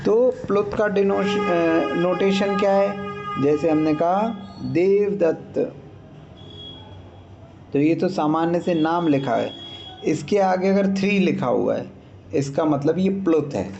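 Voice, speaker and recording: A man's voice: sits high, unhurried, gravelly, a little mellow, lo-fi sound, faint music behind. A man teaching Sanskrit grammar in an online class, patiently explaining and checking that students follow. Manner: patient, checks understanding, demonstrates sounds aloud.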